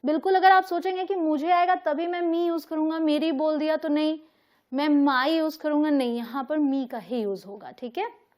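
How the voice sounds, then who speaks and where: A woman teaching basic English words in Hindi, saying each English example sentence slowly and deliberately and checking in with her learners often. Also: sits high, fairly even intonation, darkish tone. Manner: explains in Hindi with frequent check-ins. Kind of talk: Hindi-language English lesson.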